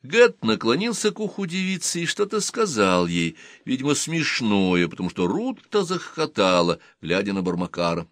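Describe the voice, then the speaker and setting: A man narrating an audiobook in an expressive storytelling manner. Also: mid-range voice, normal speed, hardly any pauses, no room sound, studio quality.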